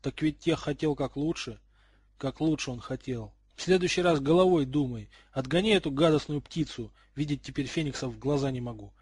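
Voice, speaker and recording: A man voicing a hot-tempered teenage boy wizard who shouts in angry, frantic bursts. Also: mid-range voice, brisk, breathy edge, dry recording, close to an everyday voice. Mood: irritated.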